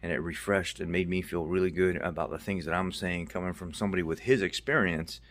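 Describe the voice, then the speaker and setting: There's a low-pitched, slightly quick voice here: a middle-aged man who hosts car maintenance videos as a mechanic. His recap is casual and unscripted, and he stresses points through repetition.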